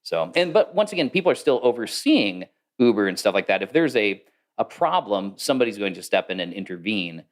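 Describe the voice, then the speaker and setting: A man's voice: on the low side, very animated, fairly quick. A man speaking as a podcast guest, explaining ideas in a thoughtful, casual way with fillers. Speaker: guest, AI consultant. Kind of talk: casual interview talk.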